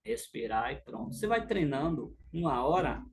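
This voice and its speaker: A middle-aged man with a Brazilian Portuguese accent, lecturing an audience in a lively, informal way and acting out little scenes. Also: a little high, normal speed, slight background noise. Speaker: speaker at a relationship talk.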